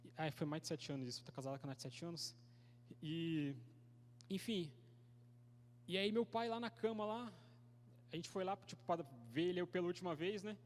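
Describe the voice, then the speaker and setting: Young brazilian guy preaching in a church, kinda high voice, long echo off the hall, super casual slangy talk. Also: moderate pace, long pauses. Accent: Brazilian Portuguese. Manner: slangy and conversational, calls listeners "cara"; acts out quoted voices in his story. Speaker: youth pastor preacher. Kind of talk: sermon with personal storytelling.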